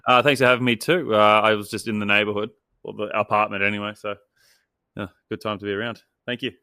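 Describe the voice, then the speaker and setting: A man guesting on a casual film podcast, with a lowish voice that still sounds bright. He talks in a laid-back, halting way, recorded dry and close. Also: steady tone, smooth, dry recording. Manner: laid-back, hesitant, trails off. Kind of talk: casual chat.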